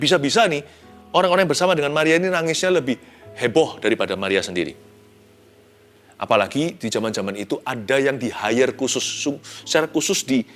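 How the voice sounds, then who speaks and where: A man preaches a devotional message in a fairly high voice, his delivery swinging between soft, hushed passages and loud, emphatic bursts. He drops English phrases into his talk. Gentle music plays faintly beneath him. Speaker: pastor. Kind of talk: devotional sermon. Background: soft background music.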